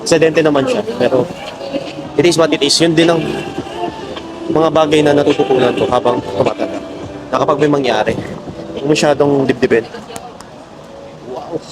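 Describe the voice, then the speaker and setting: Over a noisy crowd, a man from the Philippines talks at a normal speed with frequent pauses, his slightly high voice keeping a fairly even intonation. He's a chatty travel vlogger strolling through a city at night, switching between Tagalog and English and addressing viewers as "guys," with traffic and street noise filling this outdoor recording.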